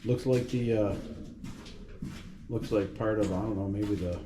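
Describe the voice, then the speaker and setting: Man, low voice, cave echo in an underground tunnel, background noise, loose halting talk. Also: steady tone, mellow. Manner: loose, halting remarks with fillers. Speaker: urban explorer. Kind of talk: casual on-site exploring commentary. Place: flooded underground baggage tunnel.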